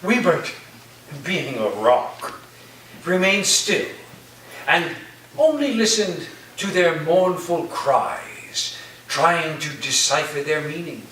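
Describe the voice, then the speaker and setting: In a theatrical staged reading, an actor plays an eccentric, grandiose college professor who is also a dreamy storyteller, delivering lines dramatically in a dreamy, solemn mood. His fairly high voice is bright, forceful and exaggerated, with lively intonation at a slow pace. The distant mic in an echoey room at the live event picks up faint noise and a roomy sound.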